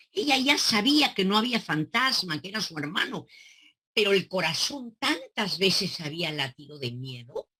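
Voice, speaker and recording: A woman's voice: low voice, bright, forceful tone, husky. A woman psychoanalyst explaining to a caller, teaching through examples and rhetorical questions. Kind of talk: explaining to a caller on a talk show.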